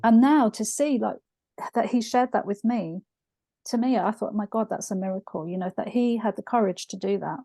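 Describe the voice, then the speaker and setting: A middle-aged woman hosts a conversational podcast and tells personal stories with open feeling. Her voice is mellow and soft-edged, and it sounds close and dry, with no room around it. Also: medium pitch, moderate pace, no echo. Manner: heartfelt storytelling. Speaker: podcast host. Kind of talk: conversational interview.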